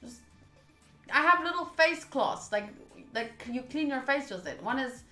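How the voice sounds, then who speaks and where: A woman with a high, pushed, bright voice reads a visual novel expressively at a measured pace while streaming, adding casual asides to viewers. Faint game music sits in the background of an echoey room.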